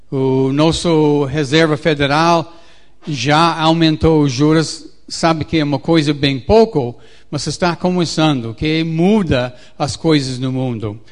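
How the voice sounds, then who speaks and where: An American man, a native English speaker with an American accent, gives a public lecture as an economist in halting, non-native phrasing. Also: fairly high pitch. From United States. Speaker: agricultural economist, guest speaker.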